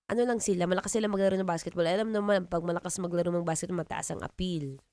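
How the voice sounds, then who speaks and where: A woman in her twenties with a Filipino accent and a deep voice, hosting a live radio show and chatting playfully with listeners. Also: steady tone, racing, mellow. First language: Tagalog. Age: 20s. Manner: playful, teasing, laughs often. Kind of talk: live radio chat reading comments. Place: radio studio.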